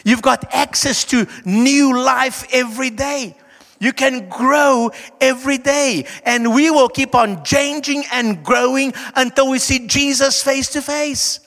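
A man with a broad South African accent preaching a conversational sermon, emphatic, with dramatic pauses and slowed, stressed phrases. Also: extremely high pitch, a bit bright. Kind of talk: sermon, conversational Bible teaching. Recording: echoey hall with long reverb.

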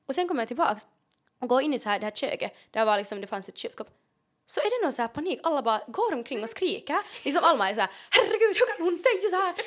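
A young woman with a Finland Swedish accent co-hosts a podcast, chatting with plenty of filler words and English asides. Her voice sits high, and her pitch bounces all over as she retells what happened. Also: animated. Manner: chatty, heavy use of fillers like liksom, mixes in English. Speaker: podcast co-host. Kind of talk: casual chat.

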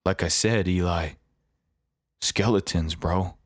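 A man's voice: low-pitched, slow pace, dry recording, clean studio sound. A man voicing an embarrassed young friend who talks in a laid-back, slangy way.

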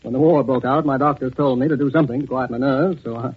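A man's voice: mid-range voice, steady tone, fast, husky. An actor playing a nervous wealthy older father, fretful and strained, in 1940s radio acting, on a tinny old radio broadcast. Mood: anxious. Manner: anxious, fretful. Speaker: wealthy estate owner and father.

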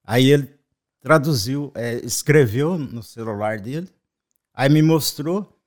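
A man's voice: mid-range voice, takes it slowly. Brazilian father telling chuckling anecdotes. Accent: Brazilian Portuguese. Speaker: father telling travel stories. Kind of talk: casual family chat.

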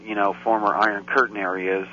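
Speaking a little fast in a fairly low, level, bright and forceful voice, a male guest on a casual radio show in Central Europe rambles on and turns heated and indignant. The audio is dull with a faint hiss.

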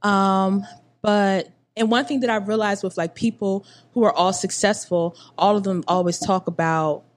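A woman's voice: mid-range voice, steady tone, moderate pace. Rambling woman in her twenties. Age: 20s. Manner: rambling, frequent fillers and asides. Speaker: podcast guest. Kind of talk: casual chat.

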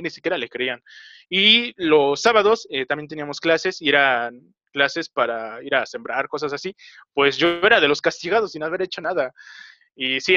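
A young man with a Mexican Spanish accent telling a personal story in casual talk, halting and rambling with many filler pauses. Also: fairly high pitch, bright, forceful tone, dry recording. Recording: slightly dull, dry recording.

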